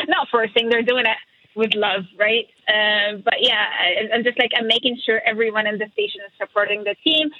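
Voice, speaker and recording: A woman from Syria, a radio show producer, talking in a halting, filler-heavy way with frequent giggles. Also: a little high. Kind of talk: phone-in radio interview. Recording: tinny phone line.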